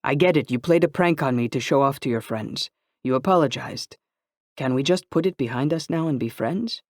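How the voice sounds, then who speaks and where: A man reading an earnest, gentle young man. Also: medium pitch, no echo, studio quality, natural voice. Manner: soft-spoken and slow. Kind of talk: audiobook character voice.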